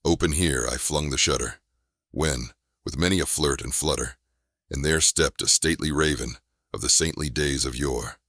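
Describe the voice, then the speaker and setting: Male poetry reader, extremely low and firm voice, solemn theatrical delivery of gothic verse, close dry sound. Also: moderate pace, fairly bright tone, husky, dry recording. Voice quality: deep firm voice. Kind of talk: dramatic recitation of a gothic narrative poem.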